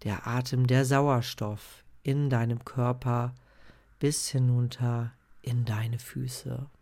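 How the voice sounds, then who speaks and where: A man speaking as a podcast host in the calm, instructive style of guided meditation and sleep-story narration, addressing a single listener. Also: medium pitch, slow.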